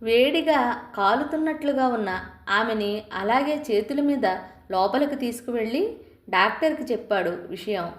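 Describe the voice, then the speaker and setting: Woman storyteller, calm measured reading, higher voice, roomy echo. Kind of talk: scripted narration.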